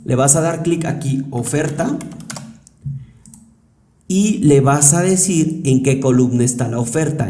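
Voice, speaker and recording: A man with a Mexican Spanish accent walks through a spreadsheet tutorial, patient and step by step, with rhetorical questions. His voice sits a bit high but sounds mellow and soft-edged. The room gives it a noticeable echo. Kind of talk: screen-recorded software tutorial. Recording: roomy echo.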